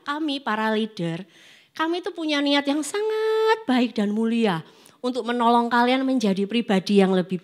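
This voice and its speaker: Lively woman preaching to youth. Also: fairly high pitch. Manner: lively, acts out students' excuses in character voices. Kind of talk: casual youth sermon. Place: church service.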